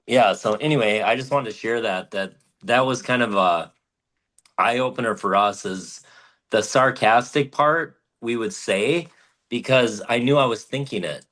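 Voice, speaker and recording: A man in a coaching program reflecting on honesty, halting and thoughtful. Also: medium pitch, a bit bright. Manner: reflective, halting, restarts often. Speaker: program participant. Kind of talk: group coaching call.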